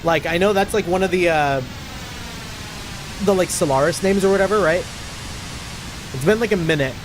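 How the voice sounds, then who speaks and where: Male streamer, casual game chat, loose and profane, voice on the higher side; game music underneath. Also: moderate pace, background noise. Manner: loose, swearing, many filler likes. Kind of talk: casual gaming commentary.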